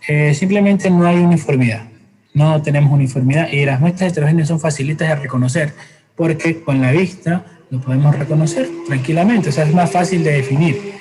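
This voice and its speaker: A man teaching a science class, explaining patiently with everyday examples, often pausing to hesitate and correct himself. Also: fairly high pitch, darkish tone, a little hiss or hum, low-quality recording. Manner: frequent hesitations and self-corrections. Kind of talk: classroom lecture.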